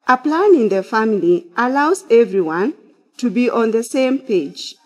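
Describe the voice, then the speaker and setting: A middle-aged woman, a counseling psychologist, speaking at a church pulpit to online viewers in a measured, instructive way. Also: a little high, expressive, a little mellow. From Kenya. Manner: measured, instructive, opens with prayer. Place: church sanctuary behind a glass pulpit.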